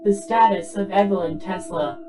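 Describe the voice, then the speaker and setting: Over background music and poor audio, a woman gives voice to a cold, official debriefing system in a science-fiction drama. Her natural, mid-range voice moves at normal speed, reading clipped transmission prompts from a script with formal, terse delivery.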